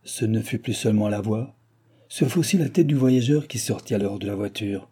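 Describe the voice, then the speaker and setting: A man reading a classic novel aloud as an audiobook narrator, in a steady dramatic way. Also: fairly low pitch, brisk, husky. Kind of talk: scripted narration.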